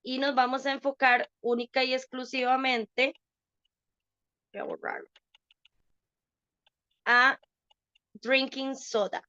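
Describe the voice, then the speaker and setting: A woman's voice: high voice, level tone, slow, pauses often, bright, forceful tone, clean tone, no room sound, dull audio. A woman teaching an online English class to adults, patiently explaining and checking understanding.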